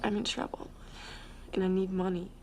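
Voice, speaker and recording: An actress playing a coolly manipulative, seductive lover in a television crime drama, her voice sometimes breathy. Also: medium pitch, little pitch movement, moderate pace, a little mellow, slight background noise, lightly acted. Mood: pleading, calculated.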